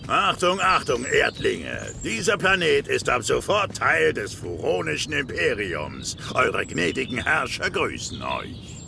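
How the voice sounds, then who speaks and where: An actor playing a surly, arrogant small alien invader in a video game, with a gravelly voice and a sardonic, menacing drawl. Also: male voice, mid-range voice, huge pitch swings, measured pace, few pauses, background noise, heavily acted. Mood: commanding, impatient.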